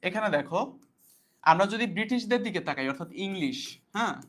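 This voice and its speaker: A man with a high voice gives a casual classroom lecture. He explains step by step and repeats key points. He keeps asking his students questions back. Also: animated, brisk, fairly bright tone. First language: Bengali. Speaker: teacher.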